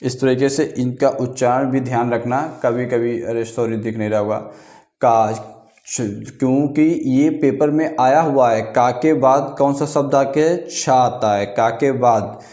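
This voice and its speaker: Flat, dark-voiced male teacher. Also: mid-range voice. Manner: repeats key terms slowly, asks and answers his own questions. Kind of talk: exam-prep grammar lesson. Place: room, writing on paper.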